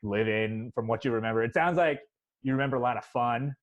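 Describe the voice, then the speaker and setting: A man's voice: medium pitch, fairly quick. A man hosting a podcast, chatting in a rambling, profane way with lots of "you know". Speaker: podcast host. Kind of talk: casual podcast chat. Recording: slightly dull sound.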